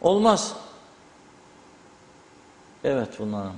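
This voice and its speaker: A man giving impassioned political commentary in a TV studio, his voice rising to shouts. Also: medium pitch, big pitch swings, takes it slowly, reverberant, long reverb tail.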